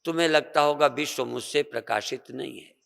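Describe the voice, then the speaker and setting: An older Indian man, a spiritual teacher, slowly guiding a group through meditation and breathing with soft repeated coaching. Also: medium pitch, vocal fry. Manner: slow, repetitive soft coaching with pauses. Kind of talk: guided meditation and breathing instruction. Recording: long reverb of a hall.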